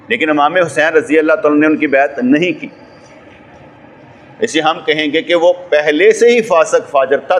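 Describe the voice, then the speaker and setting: Preaching Pakistani man, fairly high voice. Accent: Pakistani Urdu. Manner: preachy, rises to emphatic peaks, asks the listeners rhetorical questions. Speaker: religious scholar. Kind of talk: sermon lecture.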